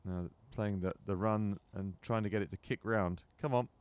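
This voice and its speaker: Low-pitched male golf commentator, wry and clipped. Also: level tone, moderate pace, smooth. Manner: wry, conversational asides between clipped shot calls. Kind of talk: golf commentary, short measured remarks on each shot.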